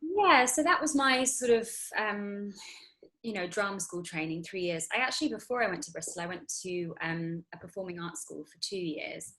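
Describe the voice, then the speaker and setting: A woman's voice: mid-range voice, expressive, moderate pace, pushed and bright, poor audio. A woman in her thirties, raised in the UAE, guest on an interview, talking casually in a rambling way with many fillers and restarts. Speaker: guest actress.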